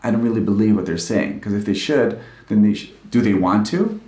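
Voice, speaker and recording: A man's voice: fairly low pitch, animated, a little fast, a little mellow. A male couples therapist giving an informal, conversational talk, explaining ideas with frequent filler words. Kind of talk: informal live-streamed talk. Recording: roomy echo.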